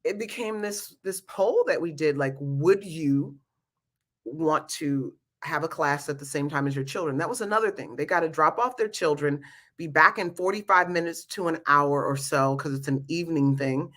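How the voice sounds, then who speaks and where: A woman who leads a youth peer group speaks informally and candidly to an audience about a program, talking emphatically at normal speed. Her deep voice has a fairly bright tone, and a retainer makes her speech slightly slurred.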